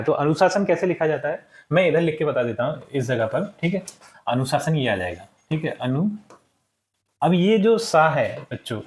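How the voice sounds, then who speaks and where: A male teacher walking young pupils through textbook answers, saying each word slowly for them to repeat and often checking in with "ठीक है". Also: on the high side, a little mellow, echoey room. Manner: slow and deliberate, checks in with frequent "ठीक है". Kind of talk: classroom lesson walkthrough.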